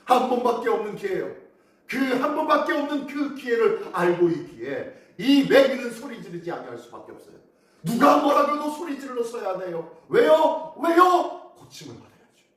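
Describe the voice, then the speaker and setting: A man preaching a dawn sermon as pastor, animated and asking the congregation questions, recorded by a phone camera from a distance. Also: very high voice, fairly quick. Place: church sanctuary. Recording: echoey room from far off.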